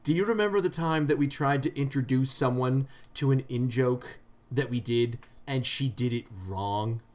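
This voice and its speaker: A man's voice: medium pitch, moderate pace, a little mellow. A man co-hosting a podcast, telling a long story in casual chat with many restarts and laughs. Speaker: podcast co-host.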